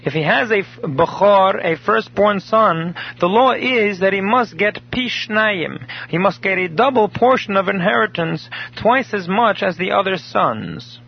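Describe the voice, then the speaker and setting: A man teaching a recorded daily Torah class, telling a story in a measured way and explaining Hebrew terms in English. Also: high-pitched, expressive, creaky, husky. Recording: dull lo-fi recording.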